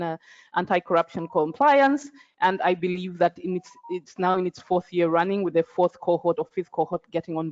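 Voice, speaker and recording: A woman's voice: medium pitch, darkish tone. A woman introducing herself as a webinar panelist, earnest, with restarts and fillers, on a video call. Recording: dull lo-fi call audio.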